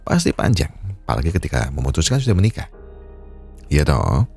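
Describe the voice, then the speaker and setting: A man narrating a film recap and chatting to viewers, his voice nasal and congested from a cold, folksy and gently advising. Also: a bass voice, very animated, fairly quick, vocal fry, faint music behind. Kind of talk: scripted film recap narration and casual outro.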